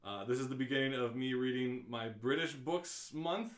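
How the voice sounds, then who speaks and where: A man of medium pitch and moderate pace hosts an unscripted live show from an office with a roomy echo. He talks and reads aloud casually, rambling, cutting himself off, and cracking jokes.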